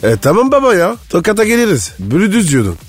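A man's voice: high-pitched, huge pitch swings, fast talker, slightly rough, soft background music. A man co-hosting a radio comedy show, cutting in with incredulous, teasing remarks in a studio. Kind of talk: comic banter.

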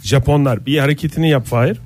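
Fast-talking man teasing on radio. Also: medium pitch, darkish tone, breathy edge, dry recording. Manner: teasing, quick banter, mock confusion. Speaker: radio co-host. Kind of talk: casual comic radio chat.

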